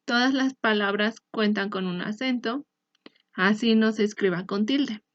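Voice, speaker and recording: A woman teacher explaining a lesson in a clear, measured way, sometimes restarting a phrase. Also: medium pitch, dry recording. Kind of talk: recorded online lesson. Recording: dry, slightly muffled recording.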